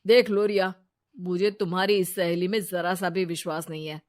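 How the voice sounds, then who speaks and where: A woman's voice: fairly low pitch, little pitch movement, moderate pace, natural voice. A woman voicing an angry young husband who speaks bluntly and sternly, in a storybook drama.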